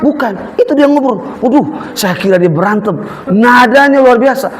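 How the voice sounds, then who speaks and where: A pastor from Eastern Indonesia preaches a sermon, telling stories with humor and acting out different voices in a lively way. His voice is very high-pitched at a moderate pace, with slight background noise.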